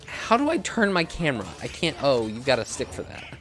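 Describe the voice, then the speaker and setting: A man's voice: mid-range voice, wildly swooping pitch, fairly quick, music in the background. A young man chatting casually and rambling in a self-deprecating way as he plays a video game. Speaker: streamer. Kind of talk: casual gameplay commentary.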